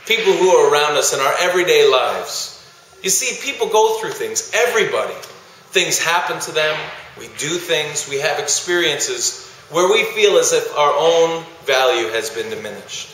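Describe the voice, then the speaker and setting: A man's voice: a little high, lively intonation, moderate pace, a bit bright, a little hiss or hum. A man, a speaker to student groups, telling a story in a vlog monologue and acting out how his audience reacts. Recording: very echoey room.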